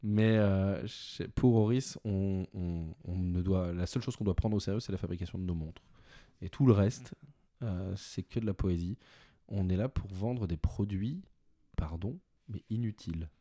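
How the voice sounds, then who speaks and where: A man speaks as an interview guest in a fairly low, warm and mellow voice. He hesitates often, restarting his sentences, and laughs easily. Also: moderate pace. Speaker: executive director of a watch brand, guest. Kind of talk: podcast interview answers.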